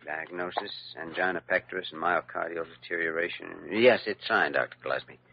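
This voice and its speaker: An actor playing an earnest, principled young male doctor, polite and steady in speech, in a 1950s radio drama on a dull old recording. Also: low-pitched, a little fast, a little hiss or hum, lightly acted.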